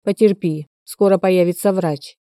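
Woman reading a calm stern uncle. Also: fairly low pitch, no echo, clean studio sound, lightly acted. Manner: calm, measured, quietly stern. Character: calm stern older uncle, quietly authoritative.

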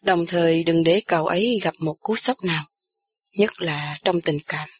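A grave middle-aged doctor in an audiobook, voiced by a woman reader. His low, slightly husky voice stays measured and serious. He keeps his phrases short. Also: a little mellow.

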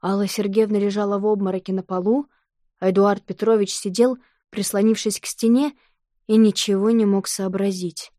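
A woman narrating a children's story aloud in a lively storytelling manner. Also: mid-range voice, moderate pace, no room sound, studio quality. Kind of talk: audiobook reading of a children's story.

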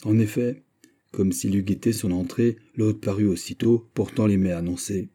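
Male audiobook reader, low dark voice, animated character dialogue. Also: moderate pace, slightly rough. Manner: lively, voices characters with raised pitch. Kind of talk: scripted narration with acted dialogue.

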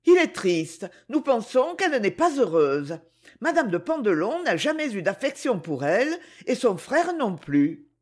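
A woman's voice: on the high side, very animated, unhurried, darkish tone. A woman doing a frank, eager young girl. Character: candid young girl, the heroine's little sister.

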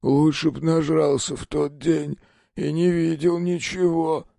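A cowering drunk peasant witness, put on by a male audiobook narrator, pitched high with a crackly, gravelly edge. His tone is dark and mellow, and the dry recording keeps him close. He talks in rough, folksy common speech. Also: measured pace, dry recording. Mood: confiding. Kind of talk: audiobook character voice.

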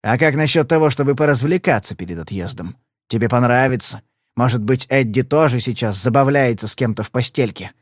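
A man doing a gruff, menacing brawler. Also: medium pitch, fairly quick, dry recording, clean studio sound, close to an everyday voice. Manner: growling, blunt. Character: thuggish, scarred male brawler, blunt and menacing.

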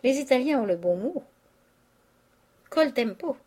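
A woman reading an audiobook, voicing a cynical male ex-convict lodger with a loud, mocking, swaggering delivery. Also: sits high, expressive, a little slow, voice pushed up.

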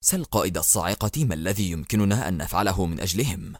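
A man's voice: animated, quick pace, dry recording, studio quality. A man doing a grieving, firm head of state. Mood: grave. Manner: low, hushed and solemn.

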